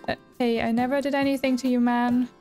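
A woman's voice: fairly high pitch, little pitch movement, fairly quick, a little mellow, soft background music, voice pushed up, lightly acted. A woman reading the lines of a weary, put-upon young male hermit crab hero from a game. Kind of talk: reading game dialogue aloud.

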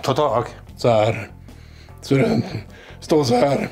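Faint music plays behind a man with a mid-range, darkish, natural voice. Playing a petty, boastful small-town wannabe rock singer with a small-town Swedish accent, he rambles and swears constantly in a mockumentary comedy monologue to camera.

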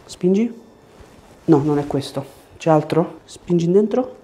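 With lively intonation and an unhurried pace, a chiropractor in his thirties explains things to a patient and gives brief instructions during treatment. His warm voice is fairly high, and the lapel-mic audio carries clear background noise from the small indoor room.

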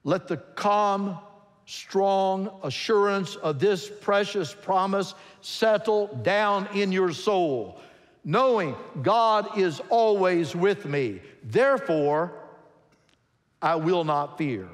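An older man, a pastor, preaching a sermon from a pulpit in a large church, expressive and emphatic. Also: sits high, slow pace. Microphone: pulpit microphone. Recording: long church hall reverb.

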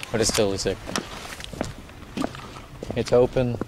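Walking through an abandoned factory and its outdoor surroundings, a young man vlogs his urban exploration in a medium-pitched voice. He's easygoing and self-deprecating, chuckling as he chats, recorded on a handheld camera mic with outdoor noise.

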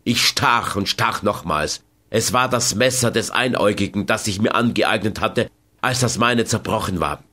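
A man narrating an audiobook in the first person, with measured, dramatic storytelling. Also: fairly low pitch, bright, forceful tone.

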